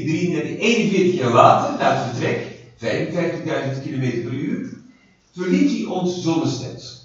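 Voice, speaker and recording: A man's voice: on the high side, darkish tone. A man leading an informal Bible study, talking conversationally, repeating and restarting words and putting questions to the group. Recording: echoey room from a distant mic, dull sound, faint noise.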